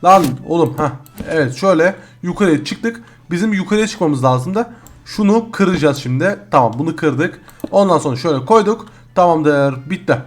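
A man's voice: on the high side, lively intonation, moderate pace, soft background music. A man hosting a gaming video, talking casually through his gameplay and addressing the viewers as friends.

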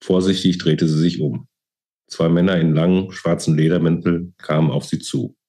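Fields: Sex: male. Role: author reading his novel. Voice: deep, mellow. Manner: calm, measured. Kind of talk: book reading.

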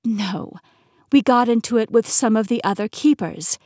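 Audiobook: measured, patient immortal keeper, woman reading, a touch high, dry close sound. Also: darkish tone, dry recording, natural voice. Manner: measured, explanatory. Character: poised immortal woman keeper explaining history.

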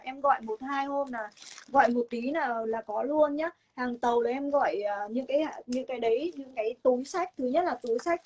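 A young woman with a Northern Vietnamese accent giving a casual live sales pitch for clothing, insistent and repetitive, with emphatic promises to viewers. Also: a little mellow, highs cut off. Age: young adult. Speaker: online clothing seller hosting a livestream sale. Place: room stacked with clothing stock, indoors.

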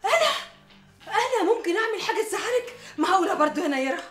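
A woman's voice: very high voice, big pitch swings, fast, a bit bright, soft background music, full character voice. A flustered, scheming Egyptian mother. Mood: coaxing. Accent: Egyptian Arabic. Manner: sugary coaxing, nervous laughs. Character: scheming, flustered mother hiding a secret marriage. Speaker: actress. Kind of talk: sitcom acting. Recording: roomy set sound.

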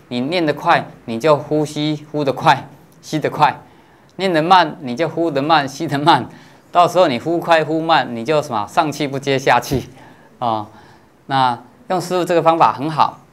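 A Buddhist monastic teacher with a slightly high voice gives a dharma lecture, explaining patiently, often lingering on drawn-out filler sounds and checking that his listeners follow.

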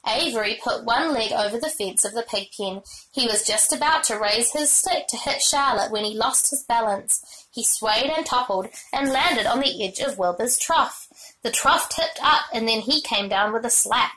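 Bright-voiced woman reading a storybook. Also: a little high, normal speed, slight background noise, low-quality recording. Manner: expressive storytelling. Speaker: reader. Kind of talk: reading a children's book aloud.

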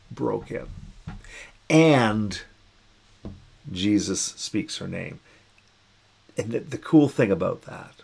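Pastor type, a man with a gravelly, husky voice, talks through scripture in a relaxed, musing way. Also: lowish voice. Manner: musing, conversational, acts out quoted voices. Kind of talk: reflective Bible reflection.

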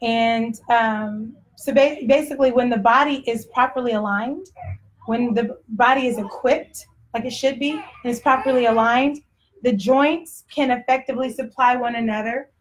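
A woman's voice: fairly high pitch, normal speed. A woman with a Texas accent preaching a sermon in a blunt, conversational way, often laughing. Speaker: pastor.

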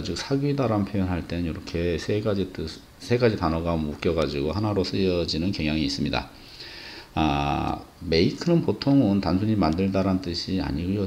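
A man teaching an English idiom lesson, explaining patiently and pausing on filler sounds. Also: sits low, a little mellow.

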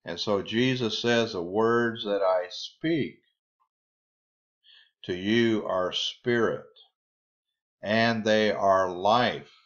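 A man giving a Bible study sermon, reading scripture aloud and then explaining it in a deliberate way. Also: fairly low pitch, fairly bright tone. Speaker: Bible teacher. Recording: slightly dull lo-fi recording.

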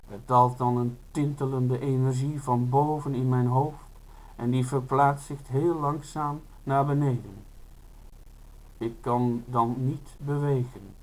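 A man reading his own first-person prose aloud, in a slow, measured and unhurried delivery. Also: mid-range voice, fairly even intonation, a little mellow, low-quality recording.

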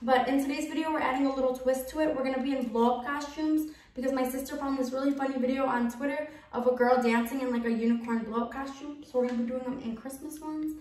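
Young woman, high voice, casual vlog chat, echoing bare room, informal wording. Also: fairly even intonation, fast talker, hardly any pauses, a little mellow. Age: young adult. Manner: informal, swearing. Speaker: vlog host. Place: nearly empty bedroom indoors. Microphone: camera a few feet away. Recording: echoey room, distant mic, noisy.

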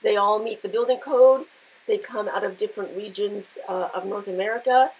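A middle-aged woman with a growly, gravelly voice, giving unscripted market commentary in an explanatory, halting way with pauses. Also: medium pitch, slight background noise, poor audio. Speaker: market analyst and host. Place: indoors, seated before a patterned backdrop.

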